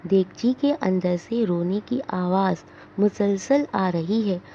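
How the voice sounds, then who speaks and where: A woman teacher reading a drama aloud for her class, giving the scene directions slowly and deliberately. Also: medium pitch, mellow, slight background noise. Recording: dull lo-fi recording.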